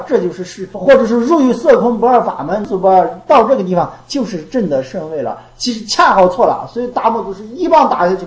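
A woman's voice: mid-range voice, a little mellow, reverberant, low-quality recording. A woman giving a Buddhist dharma talk. She repeats her phrases and asks rhetorical questions. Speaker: Buddhist teacher.

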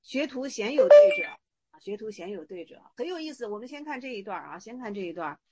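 A woman dharma teacher giving a casual Buddhist lecture in a lively, teasing way. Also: mid-range voice, fast, breathy edge. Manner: lively, teasing, acts out dialogue.

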